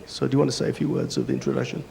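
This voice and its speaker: A man moderates a conference panel on a handheld mic. His mid-pitched voice stays relaxed and conversational with frequent pauses, and the large hall adds a long reverb. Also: vocal fry, slight background noise. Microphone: handheld microphone.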